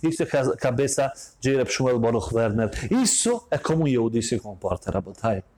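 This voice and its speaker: A man with a Brazilian Portuguese accent giving a storytelling sermon as a religious teacher, stressing points by swinging his pitch up and down. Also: very animated, normal speed, darkish tone.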